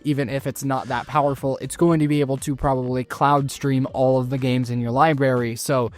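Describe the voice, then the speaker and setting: A man's voice: medium pitch, little pitch movement, a little fast, soft background music. A man in a casual chat, speculating and explaining his reasoning at length.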